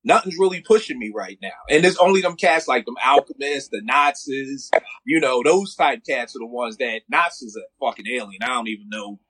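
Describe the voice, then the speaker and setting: A man's voice: medium pitch, moderate pace, a bit bright, breathy edge. A man in his forties from Philadelphia, talking bluntly and with plenty of swearing in a casual podcast chat about music. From Philadelphia, USA. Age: 40s. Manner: blunt, profane and emphatic. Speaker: podcast co-host.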